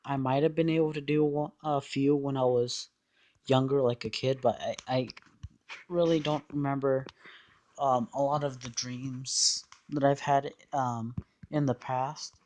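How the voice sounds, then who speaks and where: Male, unhurried and halting, casual explainer, tends to trail off mid-thought. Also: medium pitch, steady tone, a little mellow.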